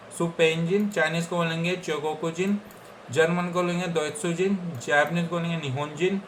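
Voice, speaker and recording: A young man from India runs through Japanese vocabulary in a casual Hindi lesson. His voice sits a little high, and he repeats every word several times with frequent check-ins. A faint background noise stays under his speech. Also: a bit bright. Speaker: Japanese language teacher.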